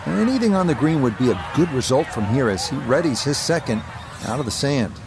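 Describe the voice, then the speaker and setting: A man doing golf commentary as lead announcer, with a measured sportscaster delivery. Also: mid-range voice, very animated, a crowd in the background, noisy background.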